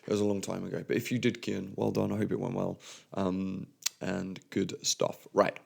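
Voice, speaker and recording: A young man hosts a podcast alone, talking in a loose, easygoing way with plenty of "like" and "um". His voice sits fairly low and has a gravelly, creaky edge to it. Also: flat delivery, normal speed, darkish tone. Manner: chatty, lots of "like" and "um". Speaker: podcast host, football referee. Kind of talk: casual solo podcast talk.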